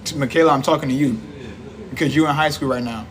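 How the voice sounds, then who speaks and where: A man's voice: mid-range voice, quick pace. A man giving a casual, preachy livestream monologue, repeating himself and laughing often. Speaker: livestream host. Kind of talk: casual live-stream monologue.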